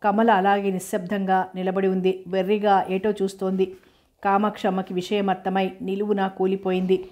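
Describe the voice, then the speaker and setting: A woman narrating a novel in a steady, measured reading voice. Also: mid-range voice. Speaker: audiobook narrator.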